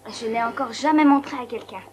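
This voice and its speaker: A woman's voice: on the high side, fairly quick, a little mellow, natural voice. An actress dubbing a young hospital patient girl in French, shy at first, then eager to share her secrets. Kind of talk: French dub of a TV film. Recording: VHS film soundtrack with crowd noise.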